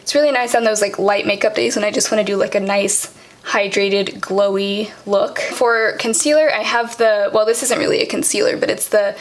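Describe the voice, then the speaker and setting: A young woman vlogger casually walking through her makeup products, chatty and quick, with lots of "um" and "like". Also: mid-range voice, fairly even intonation. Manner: fast, chatty, many fillers like "um" and "like". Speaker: beauty vlogger.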